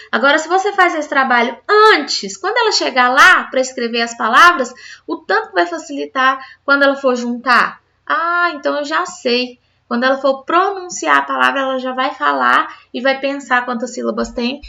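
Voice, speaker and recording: A woman's voice: high-pitched, bright, forceful tone, highs cut off. A woman teacher explaining a classroom literacy activity to other teachers, often checking in with her listeners. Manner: explanatory, addresses listeners as "gente" with frequent "tá?".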